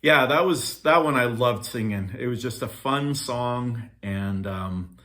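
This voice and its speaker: His mid-range voice is a bit bright, and he talks slowly. This middle-aged Norwegian vlogger wanders through childhood memories into a selfie-stick phone, often saying um and starting over.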